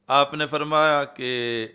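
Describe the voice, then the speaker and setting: A man with a Pakistani Urdu accent giving a hadith lecture, reciting Arabic text slowly and then explaining it in Urdu. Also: a little high, vocal fry, bright, forceful tone, clean tone. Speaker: Islamic scholar teaching hadith.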